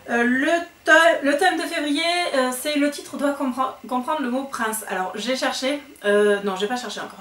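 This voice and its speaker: A book vlogger with a high, slightly bright voice chats casually through her monthly wrap-up, full of fillers and restarts. The room is echoey and she sits a bit far from the mic.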